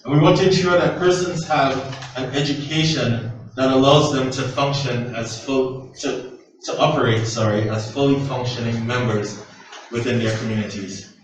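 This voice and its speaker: Man, formal public address, short phrases, medium pitch, strong echo, background noise. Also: fairly even intonation, unhurried. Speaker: visiting organization official giving a speech. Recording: echoey, distant, noisy public address.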